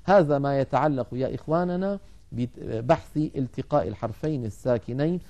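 Measured man teaching recitation rules, mellow tone. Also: mid-range voice. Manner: measured explanation, slowly chanting quoted verses. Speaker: teacher of Arabic grammar and Quran recitation. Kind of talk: televised lesson.

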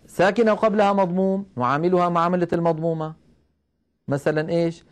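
A man with a slightly high voice teaches recitation rules in a patient, methodical way. He breaks each rule into small steps, checks that his listeners follow him, and slows right down to recite the example verses. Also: fairly even intonation. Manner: explains step by step, asks questions of the listeners, recites verses slowly. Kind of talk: recorded tajweed lesson.

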